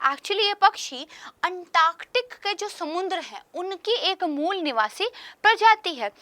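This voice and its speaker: A young woman with a very high, bright voice, teaching exam preparation in a tight, dry-sounding space. She works through practice questions step by step and keeps checking that her students follow along. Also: dry recording. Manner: explanatory, checks in with "right?" and "okay". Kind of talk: explaining current affairs with practice questions.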